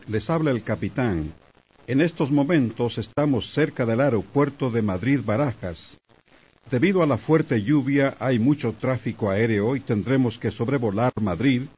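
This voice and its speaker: A man reading an airline captain's cockpit announcement to passengers for a language lesson, calm and measured. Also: medium pitch, breathy edge, muffled recording. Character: adult male airline captain on the cabin intercom. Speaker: reader of listening exercises.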